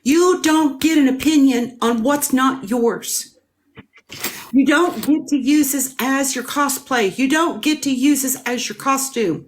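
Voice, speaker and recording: Higher-voiced, emphatic woman hosting. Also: measured pace. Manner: emphatic, repetitive, explanatory. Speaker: panel host. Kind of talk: live panel debate.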